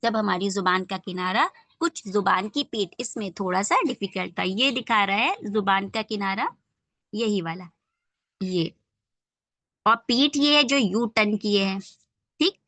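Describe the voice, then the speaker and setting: A woman's voice: mid-range voice, animated, measured pace, sharp tone, no room sound. A woman teaching children Quran pronunciation in an online class, patient and often checking that they understand.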